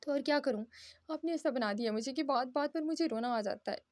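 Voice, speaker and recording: A heartbroken young wife, read by a woman, pleads and reproaches in this storybook reading. The voice sits high. The sound is dry and close. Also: a little fast, no echo, natural voice. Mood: tearful, accusing.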